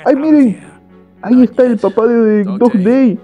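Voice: medium pitch, unhurried, faint music behind. A reaction host commenting on an animation for viewers, calling them friends, exclaiming and laughing at the scenes, on a dull lo-fi recording.

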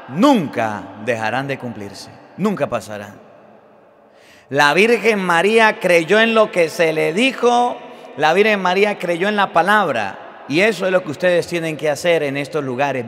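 A man preaching a sermon as a priest, emphatic, moving between loud declarations and quiet endings. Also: a little high. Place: church. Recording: long church reverb.

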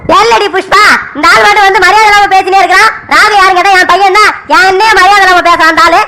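A woman's voice: extremely high pitch, fairly even intonation, fast talker, background noise. A woman voicing a proud, hot-tempered middle-aged father in a cartoon who blusters and snaps at his wife. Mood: blustering.

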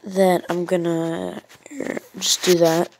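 Woman, unhurried, lowish voice, deadpan, casual game commentary, phone mic. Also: creaky, slight background noise. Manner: laid-back, deadpan sarcasm. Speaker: mobile game player. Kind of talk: casual commentary over a screen recording.

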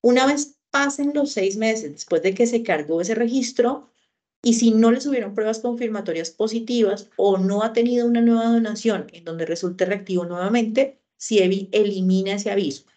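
A woman's voice: mid-range voice, normal speed, warm tone. Colombian woman explaining a system. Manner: explanatory, uses rhetorical questions. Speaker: presenter of a health institute system. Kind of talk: online training presentation.

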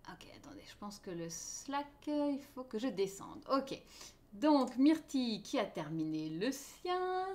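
A woman's voice: fairly high pitch, big pitch swings, takes it slowly, a little mellow. A woman teaching a live online knitting class. She talks in a chatty way and often checks in with her viewers. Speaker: knitting teacher hosting a knit-along.

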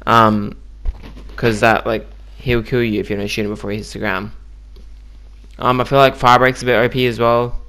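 A man's voice: medium pitch, level tone, normal speed, a bit bright, clean tone. A man giving casual, chatty commentary on a video game he just played, with lots of ums and likes. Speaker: gaming YouTuber.

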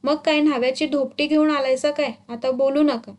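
A woman's voice: sits high, normal speed, lightly acted. A woman voicing an irritable male village schoolteacher who barks orders and scolds his pupils in rural dialect. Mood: scolding.

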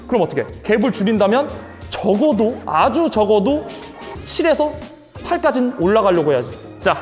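A young adult man coaching a player on basketball dribbling, counting out reps and calling short emphatic cues. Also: very high voice. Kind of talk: on-court coaching instruction. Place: indoor basketball gym. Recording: long gym reverb with faint music. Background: basketball bouncing, faint music.

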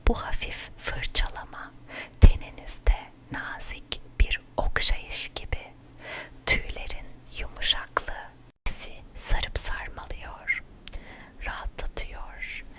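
Slow, whispering woman, quiet at night. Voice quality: breathy unvoiced whisper. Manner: quiet at night, soothing, slow and gentle, for sleep. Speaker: ASMR host guiding relaxation. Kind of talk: whispered ASMR guided relaxation.

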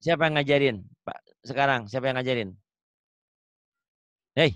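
A man with a Sundanese accent teaching a Quran reading lesson over a video call, patiently modeling syllables slowly for the student to repeat, with light teasing. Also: medium pitch, fairly bright tone, clean tone, dry recording, muffled recording. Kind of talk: online one-on-one reading lesson.

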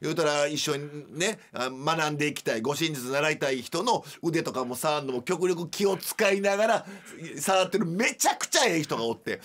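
A middle-aged man with a Kansai accent, hosting a radio show and telling a story in a chatty, animated, self-mocking way. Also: fairly high pitch, normal speed, hardly any pauses. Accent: Kansai Japanese. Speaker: radio host. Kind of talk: casual storytelling monologue.

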